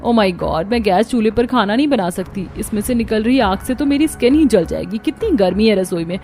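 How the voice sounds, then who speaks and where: A woman's voice: medium pitch, expressive, fairly quick, mellow, slight background noise, natural voice. A woman voicing a pampered, demanding young daughter-in-law from the city in a cartoon. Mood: whiny. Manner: whiny, demanding.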